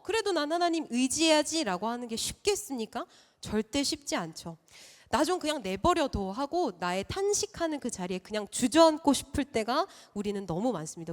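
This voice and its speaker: A woman junior pastor preaching a sermon in a church, often putting rhetorical questions to her congregation. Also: on the high side. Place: church sanctuary. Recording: long reverb of a church hall.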